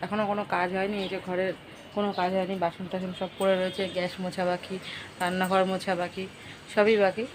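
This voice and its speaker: A middle-aged woman talking casually to her vlog viewers in a brisk, practical way about her chores and cooking. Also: on the low side, completely flat delivery, noisy background. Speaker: vlogger's mother.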